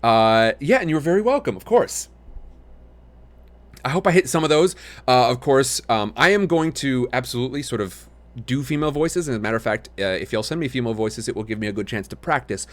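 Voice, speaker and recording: Deep, lumberjack-voiced man chatting on a livestream. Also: expressive, fairly quick. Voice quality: deep, lumberjack-like voice, deeper than usual today. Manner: rambling, appreciative, often thanking. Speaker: host reading listener-submitted scripts on a livestream. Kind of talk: casual livestream chat.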